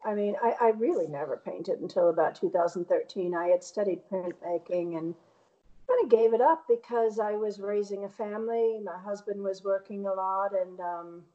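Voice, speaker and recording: A woman's voice: mid-range voice, normal speed, mellow, dull audio. A middle-aged woman from Connecticut with a New England American accent, chatting reflectively in a casual interview. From Connecticut, United States. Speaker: painter interviewed as guest.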